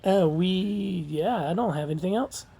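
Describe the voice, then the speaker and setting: A Missouri man, a convention organizer co-hosting a casual podcast, rambles through a plug for his convention, filling his promotional talk with ums. His voice sits high and is creaky, dark and breathy-edged, at a moderate pace.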